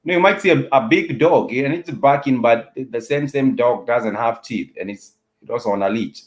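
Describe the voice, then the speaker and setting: A man with an African accent speaks in a medium-pitched voice as the host of a political discussion. His commentary is halting, and he repeats phrases to press his point.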